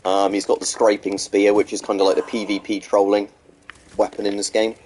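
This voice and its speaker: The recording is rough, with a little hiss or hum, as a gaming streamer talks in a fairly low, darkish voice that is flat and slightly fast. Chatting casually with viewers, he drifts between chat questions and gameplay remarks, frequently hesitating with ums and restarts. A blocked nose and slight sore throat are noticeable.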